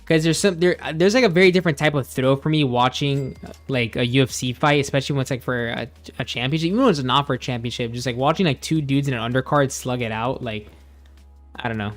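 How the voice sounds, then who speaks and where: A man's voice: mid-range voice, quick pace, soft background music. A young man streaming a game, chatting casually with viewers in a rambling, laid-back way, full of fillers and restarts. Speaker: gaming streamer. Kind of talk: casual chat while gaming, reading chat.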